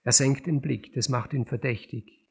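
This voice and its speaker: A man retelling a classic tragedy as a spoken story, animated and dramatic, with hesitations and repeated words. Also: mid-range voice, normal speed, gravelly, slightly rough.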